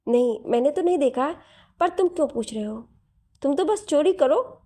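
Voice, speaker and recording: A woman voicing a lively, talkative young woman in a storybook reading. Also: high-pitched, pitched above the performer's own voice. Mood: accusing. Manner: chatty, quick to accuse.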